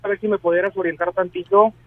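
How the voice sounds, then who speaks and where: A man's voice: high-pitched, little pitch movement, fast talker, no echo. A man calling in to a radio show, explaining his problem hesitantly and repeating himself. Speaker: caller. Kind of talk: call-in question. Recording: dull phone line.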